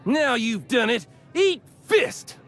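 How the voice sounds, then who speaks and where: High, wildly swinging, boastful male junk scavenger with a short fuse, game NPC. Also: huge pitch swings, measured pace, exaggerated voice. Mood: indignant. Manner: loud, whiny, boastful. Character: brash hotheaded male salvage scavenger. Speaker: game character.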